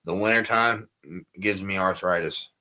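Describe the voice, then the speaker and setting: A man in his early twenties in a casual chat, complaining in a relaxed way and swearing freely. His voice has a bright, sharp edge. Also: low-pitched, a little slow. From Pennsylvania. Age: 20s. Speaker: chat participant.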